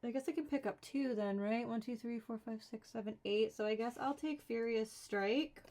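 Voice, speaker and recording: A woman's voice: fairly high pitch, normal speed, a little mellow. A woman streaming a solo board game, casually thinking aloud, counting cards and talking herself through the rules with mildly exasperated asides.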